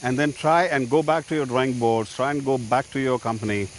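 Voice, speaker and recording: A man's voice: mid-range voice, fairly even intonation, a little fast. Exec guy answering confidently, repeats for emphasis, faint hiss behind. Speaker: executive guest. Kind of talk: interview answers.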